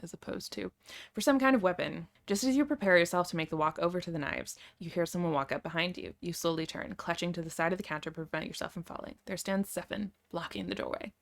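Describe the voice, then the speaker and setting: A woman's voice: fairly low pitch, quick pace, creaky. A young woman YouTuber reading a story aloud, with wry, sarcastic asides.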